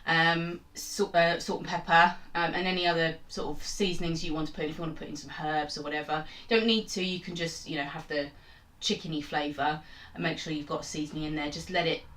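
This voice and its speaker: A woman's voice: low voice, fairly even intonation, fairly quick, few pauses, fairly bright tone, distant mic. Chatty woman in an echoey kitchen. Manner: chatty and rambling, self-mocking asides. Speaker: home cook and channel host. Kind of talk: casual cooking demonstration. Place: small home kitchen.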